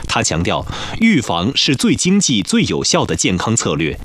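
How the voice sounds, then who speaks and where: A man's voice: fairly low pitch, huge pitch swings, normal speed, fairly bright tone, a little hiss or hum. Male news narrator, very wide intonation.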